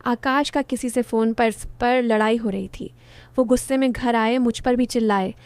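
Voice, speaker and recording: A young woman narrating an emotional first-person story in a soft, heartfelt, confiding way. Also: fairly high pitch, steady tone, normal speed, clear, resonant tone, no echo.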